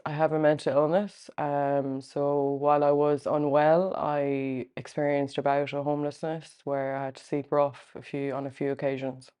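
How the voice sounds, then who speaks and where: A man in his thirties speaks candidly with a west of Ireland accent. His delivery is conversational and fairly even in pitch, recorded with some background noise. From Galway, west of Ireland. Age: 30s. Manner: conversational, peppered with 'like' and 'you know'. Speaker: documentary interviewee. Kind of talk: candid personal account.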